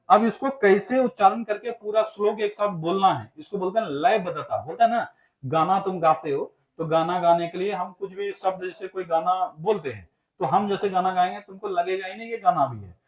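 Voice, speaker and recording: On a rough recording, a Bihari man whose voice sits high speaks at normal speed in an animated way. Running an exam-prep class, he quizzes students over and over, belting out the answers in a laughing, loud sing-song chant.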